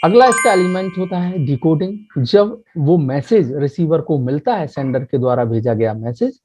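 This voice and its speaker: A man teaching a commerce lecture in Hindi, explaining step by step and reading English definitions slowly. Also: fairly high pitch, lively intonation, over music. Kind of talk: classroom lecture. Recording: muffled lo-fi mic.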